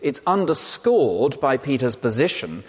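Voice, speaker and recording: A man's voice: medium pitch, sing-song, a little slow. Male preacher, emphatic and rhetorical, mid voice with a long church echo. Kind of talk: sermon. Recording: long hall reverb.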